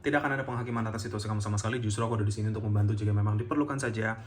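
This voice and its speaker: Man, lowish voice, gentle, chatty, filler-heavy, tarot reading to camera. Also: steady tone, racing, a little hiss or hum. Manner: gentle, chatty, many fillers and soft laughs. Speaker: tarot reader.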